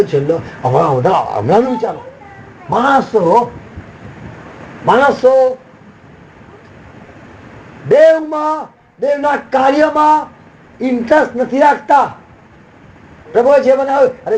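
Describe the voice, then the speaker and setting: A man's voice: very high voice, a little mellow, rough recording. A man preaching a sermon as a pastor, with sudden emphatic rises and repeated refrains.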